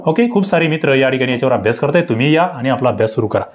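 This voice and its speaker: A man's voice: rapid-fire, slight background noise. A male tutor walks viewers through exam grammar questions in an online lesson. He talks in a mid-range voice that jumps up sharply on the words he wants to stress. He keeps asking his viewers questions and answers them himself. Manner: animated, leaps up in pitch to stress words.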